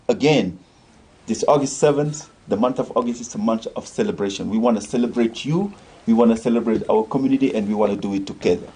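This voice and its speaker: An older Senegalese man who leads a community organization speaks earnestly on a discussion show, rallying listeners with repeated phrases. His voice is medium-pitched, mellow and husky.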